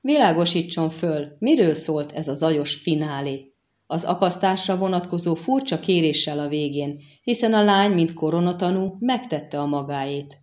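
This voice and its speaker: A woman reading an audiobook and voicing a reserved male monster hunter who speaks calmly and dryly. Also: low-pitched, highs cut off. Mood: cold. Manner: calm, dry, questioning.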